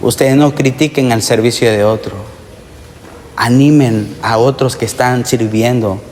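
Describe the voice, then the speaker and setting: A man's voice: mid-range voice, steady tone, measured pace, a little mellow, a little hiss or hum. A man preaching a testimony sermon to young people, earnest and addressing them directly with calls for amen. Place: church sanctuary. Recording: long hall reverb.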